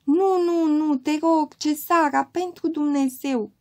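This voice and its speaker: Woman voicing a naive lovestruck girl, breathless, pleading, high-voiced, storybook reading. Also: fairly even intonation. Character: shy, naive young girl in love.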